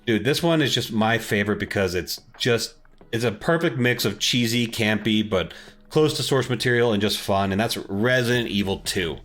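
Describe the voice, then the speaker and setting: A podcast co-host, recorded remotely apart from his partner, chats casually and enthusiastically in slangy conversational language over background music. His voice sits on the low side, at normal speed, with a fairly bright tone.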